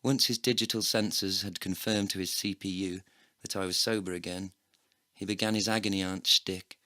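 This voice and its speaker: In a low voice at normal speed, an actor narrates a scripted comedy audio play as a bitter, heartbroken, foul-mouthed man. His delivery is sardonic and deadpan, the mood bitter and wry, in a dry, studio-quality recording.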